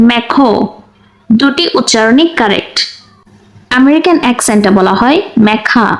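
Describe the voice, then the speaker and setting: Woman teacher going really slow, sounding out each word, kinda higher voice. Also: low-quality recording. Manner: deliberate, word-by-word enunciation. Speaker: English pronunciation teacher. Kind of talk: slow pronunciation lesson.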